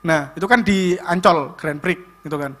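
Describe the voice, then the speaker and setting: Young man, high-pitched voice, animated testimony. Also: normal speed. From Indonesia. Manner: animated storytelling, repeats "like that". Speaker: youth service speaker. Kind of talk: personal testimony.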